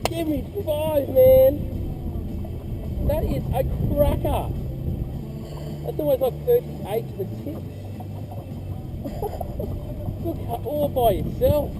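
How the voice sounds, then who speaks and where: A man coaching a young child through landing a fish outdoors, encouraging, repeating instructions and whooping with excitement. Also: extremely high pitch, takes it slowly, long pauses. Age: adult. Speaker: uncle coaching a child fishing. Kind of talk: excited on-the-water fishing coaching. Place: outdoors on the water, fishing boat. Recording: loud wind and water noise outdoors.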